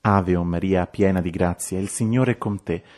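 A man reciting rosary prayers in a steady, measured, devotional way. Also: deep voice.

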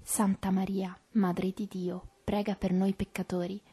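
A woman leading a recited rosary prayer in a soft, even, devotional way. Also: mid-range voice, a little slow, slightly rough. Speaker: prayer leader.

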